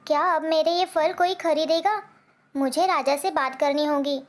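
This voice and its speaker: A woman's voice: sits high, steady tone, moderate pace, natural voice. A woman voicing an earnest sparrow farmer. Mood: dismayed. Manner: hopeful then dismayed, earnest. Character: hardworking female sparrow farmer.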